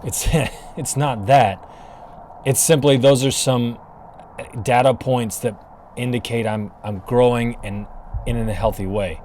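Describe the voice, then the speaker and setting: Outdoors in the cold, a man hosts his own podcast, filming himself with a camera and mic. His medium-pitched, darkish voice stays fairly even and unhurried as he talks in a casual solo style, earnest and encouraging, often restarting his sentences. There's slight background noise.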